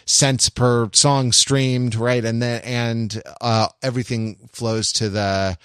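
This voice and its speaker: A man co-hosts a culture podcast, chatting casually and rambling with lots of fillers, restarts, and jokey asides. His mid-range voice is smooth and fairly bright with little pitch movement, and he takes it slowly in a studio-quality recording with no echo.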